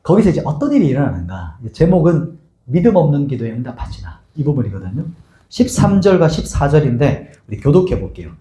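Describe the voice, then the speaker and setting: Lively echoing pastor, man preaching. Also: on the high side, fast. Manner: asks the congregation many rhetorical questions; acts out the scene with voices. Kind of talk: expository sermon. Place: church sanctuary. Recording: echoey church sanctuary.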